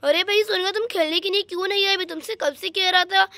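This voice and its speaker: A woman's voice: very high-pitched, steady tone, quick pace, bright, forceful tone, dry recording, full character voice. A woman voicing a cheeky young boy who teases and mocks others in a doll story. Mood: teasing. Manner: teasing, mocking.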